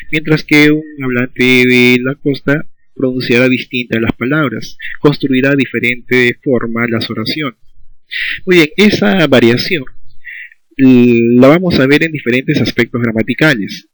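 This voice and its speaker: A man's voice: mid-range voice, fairly bright tone, no echo, low-quality recording. A man teaching a school language lesson, explaining patiently and often checking in with his students.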